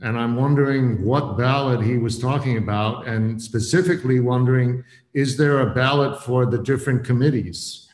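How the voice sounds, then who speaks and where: A man asks careful questions in a middle-pitched voice. His sound is roomy, with a long echo trailing behind each phrase. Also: moderate pace, darkish tone. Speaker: co-op member asking questions. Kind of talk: casual online meeting talk.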